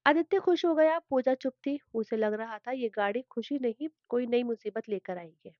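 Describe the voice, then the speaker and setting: A woman's voice: a little high, moderate pace, dry recording, muffled recording. A woman telling a family drama story as a narrator, reading all the characters' lines in her own voice.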